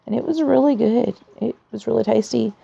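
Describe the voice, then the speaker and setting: A woman who sounds tired and weak after surgery, talking in a candid, rambling, low-energy way in a casual video diary, with a gravelly, creaky voice. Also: a little fast, dark tone. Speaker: vlogger sharing surgery recovery. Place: at home in a recliner. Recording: dull, lo-fi sound.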